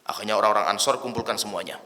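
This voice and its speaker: A man's voice: lowish voice, racing, bright, forceful tone. A man preaching a colloquial religious lecture, retelling stories casually and reciting Arabic phrases between plain explanations. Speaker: Islamic preacher. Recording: long hall reverb.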